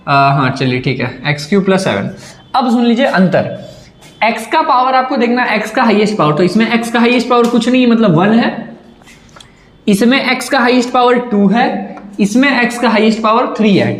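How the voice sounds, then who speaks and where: Echoey male math teacher quizzing students. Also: sits high. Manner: asks questions and answers them himself, repeats key points. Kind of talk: classroom-style lesson. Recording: echoey room.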